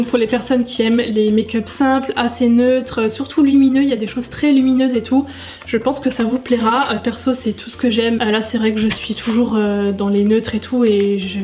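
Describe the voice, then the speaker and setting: A woman's voice: a little high, a little mellow. A woman chatting casually to viewers while testing makeup, full of fillers and asides. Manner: chatty, many fillers, addresses viewers directly. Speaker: beauty vlogger. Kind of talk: casual makeup tutorial chat.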